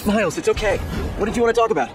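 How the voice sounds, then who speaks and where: A man's voice: high-pitched, rapid-fire, loud music behind the voice, lightly acted. An American man voicing a young wisecracking superhero in a video game, chatty and rambling, often interrupting himself. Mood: patient. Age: young adult. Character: young wisecracking male superhero, earnest and flustered.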